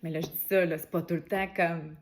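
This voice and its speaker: A woman with a Québécois French accent giving a weekly oracle card reading in a casual, chatty vlog, with gentle encouragement and many informal asides. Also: low-pitched, fairly even intonation, brisk. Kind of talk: casual spiritual guidance vlog.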